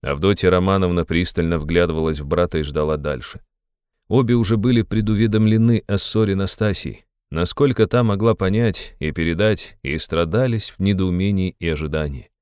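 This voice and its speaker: A man narrating a classic novel in a measured, even reading voice. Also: sits low, clear, resonant tone, no room sound, studio quality. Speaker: audiobook narrator.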